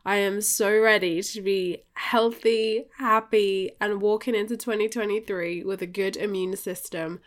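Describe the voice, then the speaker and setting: A woman's voice: medium pitch, fairly even intonation, a little slow, few pauses. Nasal, bunged-up British woman podcaster. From United Kingdom. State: congested with lingering flu. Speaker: podcast host and life coach. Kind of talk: casual chatty solo podcast.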